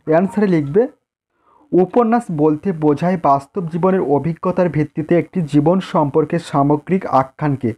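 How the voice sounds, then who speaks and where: A man's voice: fairly high pitch, a little mellow. A man with a Bengali accent teaching an exam-prep lesson, reading out answers point by point and repeating key phrases for students. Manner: dictating, repeats phrases, stresses key terms.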